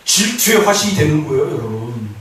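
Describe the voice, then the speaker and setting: A man pastor preaching a sermon, swinging between loud impassioned passages and soft quiet asides. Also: on the high side, very animated, fairly quick, slight background noise. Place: church sanctuary. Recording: echoey church from far off.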